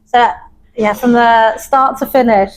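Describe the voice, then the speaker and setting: A woman's voice: on the high side, steady tone, a little slow, poor audio. Upbeat woman chef from Wales. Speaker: chef and pub owner. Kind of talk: interview conversation.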